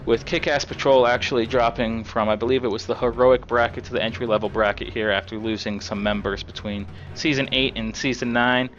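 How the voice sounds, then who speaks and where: A man with a raspy voice giving casual, chatty live commentary on a game as an esports caster. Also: mid-range voice, steady tone, fairly quick, hardly any pauses, a bit bright, muffled recording, faint music behind. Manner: casual, chatty play-by-play with fillers.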